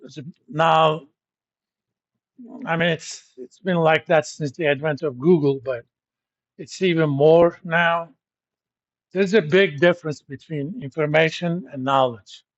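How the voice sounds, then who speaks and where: Middle aged prof from turkey, blunt n jokey, kinda high voice, dry lo-fi class recording. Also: male voice, dry recording. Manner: blunt, joking, informal. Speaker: university professor. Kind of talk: classroom lecture.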